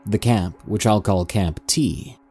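A man's voice: on the low side, slow pace, mellow, breathy edge, soft background music. A man hosting and reading scripted material in the manner of a storyteller. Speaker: host and narrator of listener-submitted scary stories.

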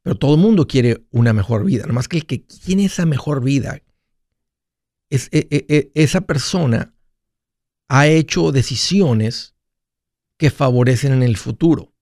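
A man's voice: mid-range voice, lively intonation, unhurried, a little mellow, no room sound, studio quality. A man hosting a casual monologue, playful and jokey, often restarting mid-phrase. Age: 40s. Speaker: radio finance host.

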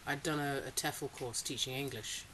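A woman's voice: very deep voice, fairly even intonation, normal speed, fairly bright tone, poor audio. Chatty middle-aged woman, faint hiss. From Singapore. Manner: chatty, laughs often, hesitant with fillers. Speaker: interviewee, farmer. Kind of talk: casual interview. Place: polytunnel on a farm. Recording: faint hiss, rain on tunnel.

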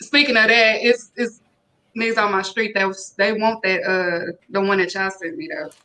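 Bright-voiced woman podcast guest. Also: steady tone, normal speed, a little hiss or hum, low-quality recording. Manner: playful, acts out other people's lines in a higher voice. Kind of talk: casual chat.

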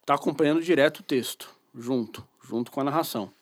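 A man's voice: medium pitch, fast talker. A man, an audiobook studio director explaining his work in colloquial, casual conversation.

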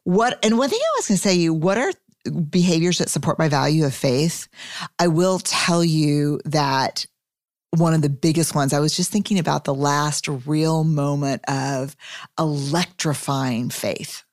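A woman's voice: sits low, animated, a little slow, dry recording, studio quality. A woman podcast host talking casually and candidly, with a frank, reflective manner.

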